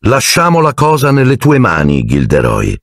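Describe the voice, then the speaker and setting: A man's voice: medium pitch, wildly swooping pitch, normal speed, vocal fry, dry recording, clean studio sound, pitched above the performer's own voice. A man voicing a strict older woman professor who speaks firmly and clipped. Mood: cutting. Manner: firm, clipped.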